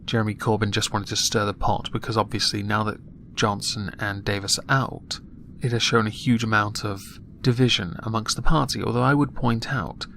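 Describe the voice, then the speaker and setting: A man giving a political opinion monologue in a flat, monotone voice while clearly annoyed. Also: on the low side, slight background noise. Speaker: political commentator.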